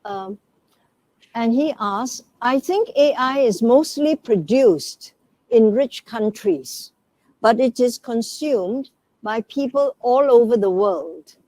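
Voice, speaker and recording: A woman moderating a panel discussion, gently inviting speakers and reading out audience questions. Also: a little high, slow pace, no echo.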